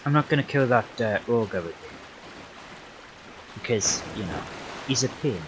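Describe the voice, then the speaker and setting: A young man talks his way through a livestreamed game in a loose, unhurried way. He rambles and backtracks with plenty of fillers. His voice sits at an ordinary middle pitch. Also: background noise. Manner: relaxed, rambling, self-correcting with many fillers. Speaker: livestreaming gamer. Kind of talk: casual gameplay commentary.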